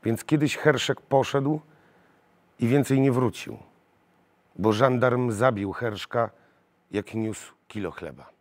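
A theatre actor giving a measured, emotionally weighted recitation of a poem. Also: male voice, medium pitch. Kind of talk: dramatic poetry recitation.

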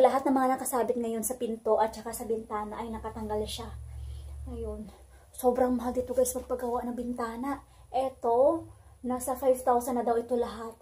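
Here a woman in her thirties keeps up a chatty, casual home vlog, speaking to her handheld phone camera between chores in the house and backyard. She sounds warm and slightly rough, her pitch on the high side.

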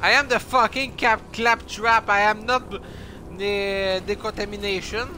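A Québécois man streams a game and comments loosely, swearing and joking while he fumbles for words in English. His voice is high and very bright, and he speaks slowly. A faint hum of noise sits under it. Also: fairly even intonation. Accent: Quebec French. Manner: crude, joking, halting English. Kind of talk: casual gameplay commentary.

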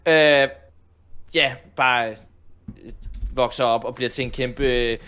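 A young man playing Minecraft in role-play with a friend, rambling and hesitant with many fillers, breaking into excited shouts. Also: medium pitch, clean tone. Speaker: co-host of a gaming channel.

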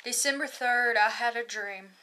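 A woman's voice: a little high, normal speed, sharp tone, a little hiss or hum. A young woman, telling a personal story in a loose, rambling way, with many fillers. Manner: loose, rambling, many likes and you knows. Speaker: video host. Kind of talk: casual testimony.

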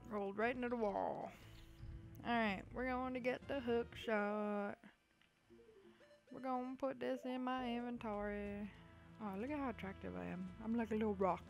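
A woman's voice: fairly high pitch, steady tone, moderate pace, vocal fry, soft background music. Chatty young woman playing a game. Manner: chatty, goofy, swears freely. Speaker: let's play host. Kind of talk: casual gameplay commentary.

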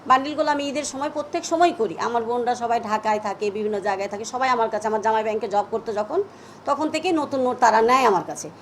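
A woman's voice: a little high, quick pace, slight background noise. A middle-aged woman with a Bangladeshi Bengali accent speaking at a press conference, first reading a statement, then recounting events emphatically. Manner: emphatic, agitated retelling.

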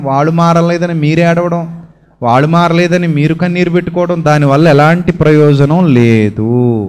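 A man preaching a sermon, asking his listeners questions and answering them himself with homely everyday examples. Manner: swings between a low, quiet voice and raised, drawn-out emphatic lines.

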